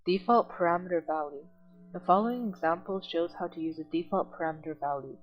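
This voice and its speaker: During an online coding lesson, a tutor reads documentation aloud and then explains it in plain words. The voice sits at a medium, middle-register pitch, moving at a patient, step-by-step yet quick pace. Faint music plays softly underneath on a muffled recording.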